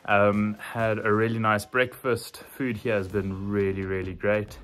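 A man's voice: on the low side, level tone, measured pace, a bit bright, faint music behind. A man talking casually to camera as a travel vlogger on safari.

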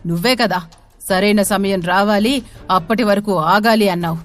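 A woman's voice: mid-range voice, normal speed, soft background music, close to an everyday voice. A woman voicing a drunk man bent on revenge, defensive and slurring.

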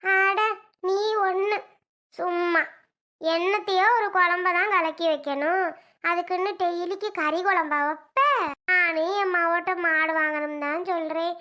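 Woman playing a high, sharp-toned old village granny, hard of hearing and gossipy. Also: steady tone, measured pace, full character voice. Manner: gossipy, rambling. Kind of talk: comedy skit acting.

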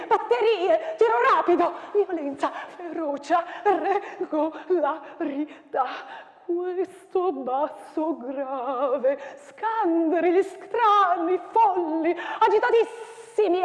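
A woman lecturing on sound poetry, then performing it aloud with shouted sound words and laughter. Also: very high voice, lively intonation, slow pace. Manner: explains softly, then recites with shouts, onomatopoeia and laughter. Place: large university lecture hall. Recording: echoey hall reverb.

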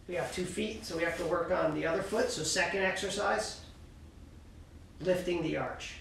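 A middle-aged ski coach walks through foot and boot mechanics with steady coaching cues, calmly explaining as he demonstrates in a cluttered indoor workshop. His slightly high, somewhat gravelly voice echoes around the hard, roomy space, sounding far from the camera mic with a faint hum of room noise beneath.

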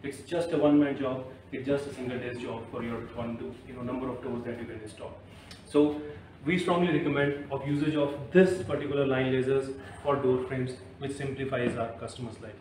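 A man's voice: medium pitch, steady tone, a little fast, darkish tone, a little hiss or hum. A man with an Indian English accent presenting tools on a construction site in a persuasive way. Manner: persuasive, keeps recommending. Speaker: product presenter. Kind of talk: on-site product demo chat. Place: construction site, then service center. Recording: echoey site from a distance.

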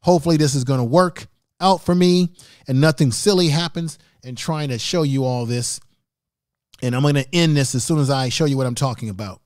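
Speaking a little fast in a fairly high but darkish voice, a middle-aged man streams a tutorial from his small indoor home studio, with a large mic set close before his mouth. As a YouTube livestream host, he talks to his chat in an emphatic, repetitive, instructive way. The sound is clean studio audio with no echo.

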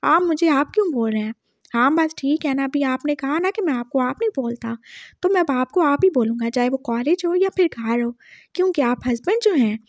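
A woman's voice: sits high, expressive, brisk, dry recording, studio quality. A woman voicing a tearful, touchy young man who complains in a whiny rush. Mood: sulky.

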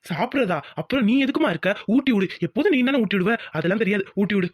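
A woman voicing a young village man in a cartoon, a hungry, doting son and caring husband who talks fast, pleading and teasing. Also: mid-range voice, lively intonation, darkish tone, husky, no echo, clean studio sound. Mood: pleading, greedy. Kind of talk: Tamil cartoon voice acting.

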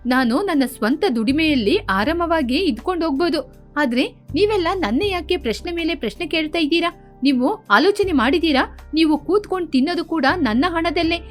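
Woman doing high-voiced stubborn city girl, snappy and fast, storybook video. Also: lively intonation, soft background music. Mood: indignant. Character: proud, defiant young city-educated woman.

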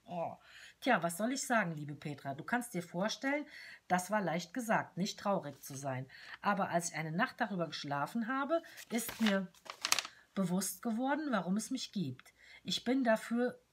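A woman's voice: mid-range voice, expressive, normal speed, a little hiss or hum, natural voice. A woman reading aloud a chirpy, playful letter written in the voice of a tiny cheerful female companion doll with short arms. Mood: chirpy, tender.

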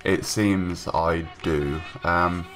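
Speaking in a low, steady voice that's a bit bright, a young man draws out his words as he rambles through voice-over commentary for his gaming YouTube channel. He has a stuffy nose from a cold, keeps saying um and restarting, and records at home apart from the gameplay, with soft music in the background.

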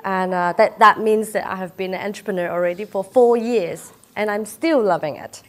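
A Malaysian woman in her thirties, whose first language is Chinese and who speaks with a Malaysian accent, gives a keynote inspirational talk to an audience in a lecture room while feverish. Her voice is medium in pitch at normal speed, and she is chatty and personal, laughing often and using lots of "uh" fillers.

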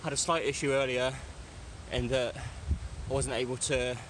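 In this casual cycling vlog, a young English man talks to a close action camera on his bike, his mid-range voice steady, unhurried, and a bit bright. He's chatty yet breathless between climbs on country lanes, with wind and road noise audible.

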